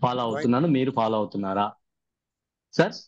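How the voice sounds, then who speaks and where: A man's voice: medium pitch, lively intonation, fast talker, no room sound. A man, the trainer of a workshop, recaps the sessions and keeps putting questions to the participants over a video call. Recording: dry, muffled video-call audio.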